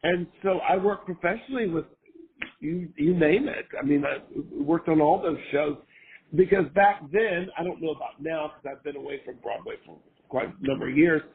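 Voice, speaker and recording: An older man, hoarse from a cold, chatting casually as an interview guest and rambling with lots of fillers. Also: a little high, moderate pace. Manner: rambling, full of fillers and restarts. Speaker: guest, former costume maker. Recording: tinny phone-line sound.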